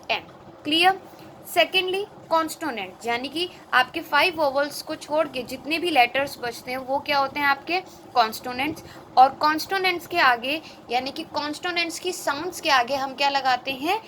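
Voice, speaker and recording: A woman with a high voice teaches a grammar lesson to young students. She keeps posing questions and answering them herself. A faint noise sits under the recording. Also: sharp tone.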